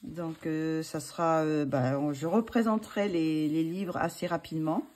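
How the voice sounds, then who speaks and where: A woman's voice: sits low, fairly even intonation, normal speed, a little mellow. A woman hosting her own channel, chatting casually and hesitantly with many fillers and restarts as she shows books. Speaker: channel host showing books for a giveaway. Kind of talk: casual chat.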